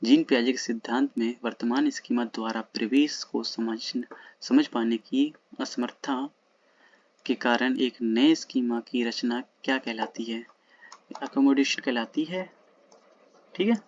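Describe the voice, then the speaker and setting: A male exam-prep teacher goes through previous exam questions in a relaxed nighttime lesson at home, first reading the English wording slowly and then explaining fast in Hindi. The voice is medium-pitched and the sound is lo-fi.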